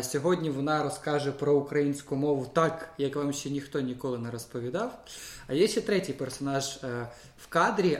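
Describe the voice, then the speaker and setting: A man's voice: mid-range voice, reverberant. A man introducing a school podcast episode in a casual, playful, self-deprecating way. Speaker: co-host, history teacher.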